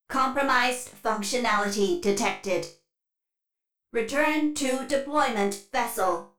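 A woman voicing a glitching female robot system that repeats flat commands and breaks into error loops and stutters. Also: fairly high pitch. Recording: echoey distant voice over music.

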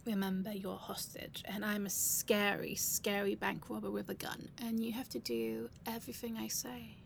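A woman playing a seductive, commanding bank robber in an intimate ASMR role-play, with breathy, sultry pillow talk and lingering pauses. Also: mid-range voice, flat delivery, a little hiss or hum, lightly acted. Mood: teasing, conspiratorial.

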